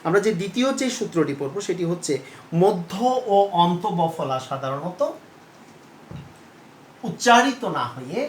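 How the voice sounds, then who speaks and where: A man teaches a pronunciation lesson at a slow, deliberate pace. He repeats each word and keeps turning to his students with questions. His voice echoes in the room over a faint background hiss. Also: high voice, sing-song.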